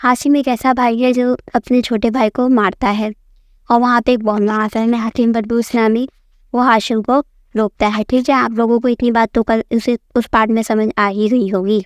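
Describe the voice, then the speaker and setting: Female story narrator, friendly to viewers; even tone, dry close mic. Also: on the high side, dry recording. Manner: addresses viewers directly, friendly.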